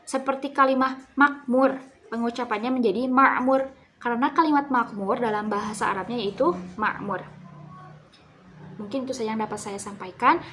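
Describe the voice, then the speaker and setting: A woman's voice: fairly high pitch, a bit bright, a little hiss or hum. Woman student presenting with fillers. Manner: explanatory, with fillers and self-corrections. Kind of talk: class presentation.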